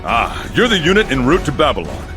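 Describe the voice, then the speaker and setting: A man's voice: medium pitch, huge pitch swings, fairly quick, over music. A man voicing a commanding but cautious royal military leader in an anime dub. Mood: brisk, commanding.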